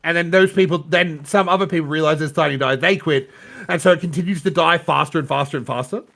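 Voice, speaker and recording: A man's voice: fairly high pitch, fast talker, gravelly, sharp tone. A man chatting casually on a stream, rambling and swearing freely.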